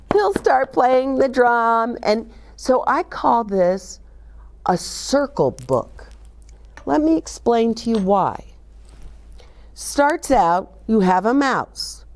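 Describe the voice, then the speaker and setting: In this clip an older woman hosts a children's story time, reading aloud and chatting expressively about picture books while asking the young listeners questions directly. Her voice is fairly high and slightly mellow.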